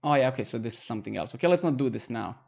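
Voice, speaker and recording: A man's voice: mid-range voice, expressive, very fast, creaky, a little mellow. A man chatting casually on a live-coding stream, mocking and taunting his viewers with a laugh and some swearing.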